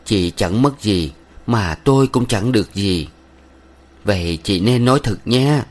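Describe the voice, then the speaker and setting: A preachy middle-aged village matron, as a male narrator puts her on, pitched a little above his low voice and a touch louder. She lectures in a sweetly stern, moralizing way. It is an audiobook reading of a novel. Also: animated, a little slow. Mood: lecturing.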